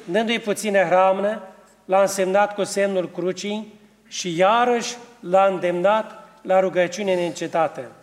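A man's voice: high voice, steady tone, big-room sound. A man preaching, reading a saint's life aloud in a solemn manner with small restarts.

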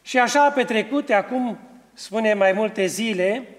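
A man's voice: high-pitched, big-room sound. A man preaching, reading a saint's life aloud in a solemn manner with small restarts.

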